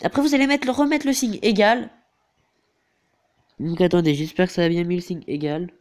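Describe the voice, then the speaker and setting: Brisk and steady in tone, this high-sitting voice belongs to a teenage gaming YouTuber with a head cold who is talking through a game tutorial on screen. He hesitates frequently and keeps repeating filler phrases such as "donc voilà."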